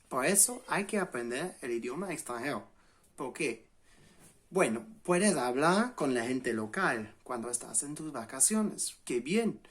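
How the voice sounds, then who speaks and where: A language channel host, an Englishman in his late twenties and native English speaker with an English accent, gives a relaxed spoken lesson to camera. His voice is a little high, and he often pauses and restarts with fillers.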